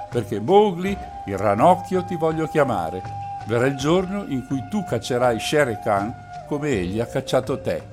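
A man voicing a fearless, devoted mother wolf who speaks loudly and forcefully, over faint music. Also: medium pitch, lightly acted. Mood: fierce tenderness.

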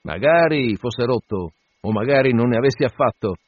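A man's voice: mid-range voice, expressive, moderate pace, husky, no echo. A man voicing a sullen, irritable foreign ship's mate who answers curtly. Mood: grumpy. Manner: curt, sullen replies. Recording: dull lo-fi dry recording.

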